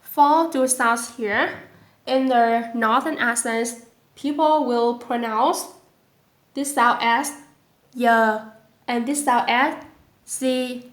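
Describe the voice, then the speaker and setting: Woman teacher, Vietnamese accent, slightly high voice, careful drilled sounds. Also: reverberant. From southern Vietnam. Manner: slow and careful, repeating sounds aloud. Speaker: language teacher. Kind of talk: pronunciation lesson.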